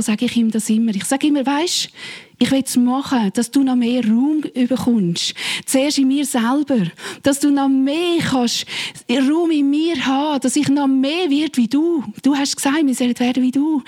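A woman's voice: high voice, darkish tone. A Swiss German woman leading her church, giving an earnest, heartfelt devotional talk with prayerful repetitions. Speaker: church leader.

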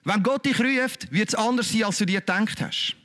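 A man's voice: high-pitched, moderate pace, a bit bright. A man with a Swiss German accent preaching a sermon in a colloquial, emphatic, repetitive way.

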